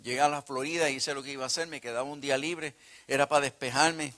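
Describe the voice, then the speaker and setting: A man pastor telling a personal testimony in a sermon, emotional and surging to loud bursts. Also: mid-range voice, fairly even intonation, fast. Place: retreat conference hall.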